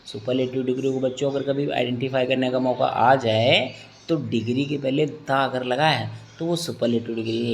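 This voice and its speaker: A man in his thirties with a Hindi accent teaches students an English grammar lesson, patiently repeating key points and checking in with the class often. His voice is mid-range and creaky.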